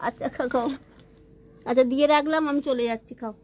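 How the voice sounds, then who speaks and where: A woman's voice: sits high, fast talker, darkish tone. A woman filming her pet cat at home, coaxing it to eat in cooing baby talk. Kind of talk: casual home video.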